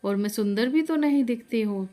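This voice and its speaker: A woman's voice: a little fast, dark tone, close to an everyday voice. A woman voicing a grieving, orphaned young woman who pleads through tears in a storybook tale. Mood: tearful pleading. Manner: high, crying, pleading.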